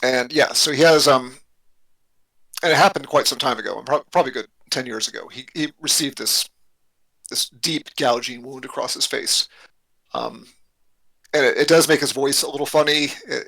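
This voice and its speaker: A man narrating as game master of a tabletop role-playing game, halting and repeating words as he sets the scene. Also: mid-range voice, sharp tone, rough recording.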